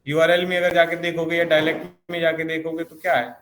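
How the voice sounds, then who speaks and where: A man's voice: a little high, level tone, fast, a bit bright. Man, coding instructor, rhetorical questions, echoey room, light hiss. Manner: explains step by step with rhetorical questions. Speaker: programming instructor. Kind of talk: coding lesson. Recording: echoey room with faint noise.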